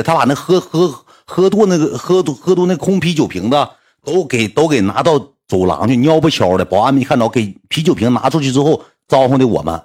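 Speaking in a mid-range, slightly rough voice, this storyteller has a Northeastern Mandarin accent and wanders through a casual anecdote, often saying the same things again.

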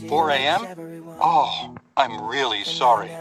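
A man reading the part of a caller phoning from a conference abroad, in a scripted textbook dialogue with clear diction. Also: mid-range voice, takes it slowly, close to an everyday voice. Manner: apologetic, clearly enunciated lines. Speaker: dialogue actor in a listening exercise. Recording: audio clip with music behind.

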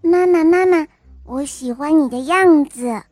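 Sweet little bunny child voiced by a woman, affectionate, cooing, high, unhurried, storybook. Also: darkish tone, dry recording.

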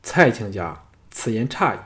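A man's voice: medium pitch, natural voice. A man voicing a young commanding king. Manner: measured, rising to forceful declaration. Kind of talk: audiobook character voicing.

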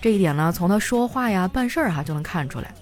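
A young woman comedian telling funny anecdotes in a chatty, animated stand-up style. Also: medium pitch, quick pace, soft background music. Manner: animated storytelling, chatty filler particles.

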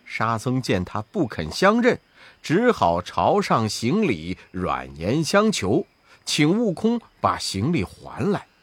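Slow, expressive male storyteller. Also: medium pitch, no echo. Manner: expressive, sing-song. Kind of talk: children's story narration.

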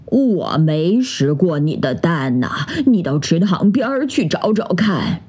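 Brief: old billy goat, voiced by a woman, low slow drawl, breathy. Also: big pitch swings, a little mellow, heavily acted. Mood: advising.

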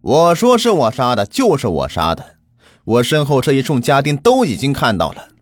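A man's voice: mid-range voice, very animated, a little fast, husky, dry recording. A man voicing an arrogant, domineering Ming-era local tyrant who barks orders, in a spoken ghost-story telling. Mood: bullying.

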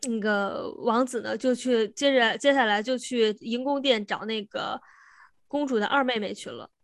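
A woman co-hosting a podcast retells a fairy tale in a casual chat, meandering, restarting, correcting herself and laughing often. Her voice is a little high at a moderate pace, with clean studio sound and no room echo.

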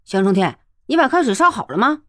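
A woman's voice: a little high, huge pitch swings, a little fast, dry recording, clean studio sound, voice pushed up. A woman voicing a blustering, bullying middle-aged village headman in a storybook reading. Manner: loud, bullying, stammering when scared.

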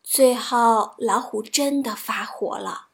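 A woman reading children's stories aloud, in a gentle storybook narration with a soft delivery. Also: fairly high pitch, slow, gravelly.

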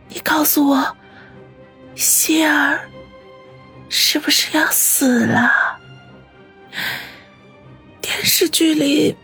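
A woman voicing a badly wounded young girl who talks in a weak, halting, breathy whisper. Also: high voice, fairly bright tone. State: dying, weak. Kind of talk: audiobook character voice.

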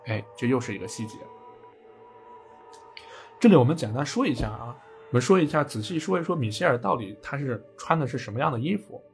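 A man's voice: medium pitch, animated, fairly quick. Chatty guy retelling a game plot, jokey asides, faint music underneath. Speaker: podcast storyteller. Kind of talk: casual game story retelling.

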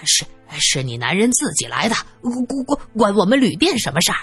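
A woman's voice: medium pitch, sing-song, brisk, fairly bright tone, slightly rough, faint music behind, full character voice. A woman voicing a flustered middle-aged male innkeeper, stammering and out of breath. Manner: stammering, defensive.

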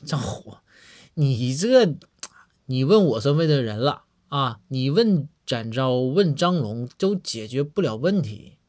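Man playing a smug old magistrate, lecturing, lively up-and-down delivery. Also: mid-range voice, takes it slowly. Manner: self-assured and lecturing. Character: pompous older male magistrate Lord Bao.

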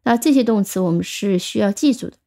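A woman teaching English vocabulary, explaining patiently step by step and slowing down on the English words. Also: mid-range voice, gravelly, mellow. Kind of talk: vocabulary lesson.

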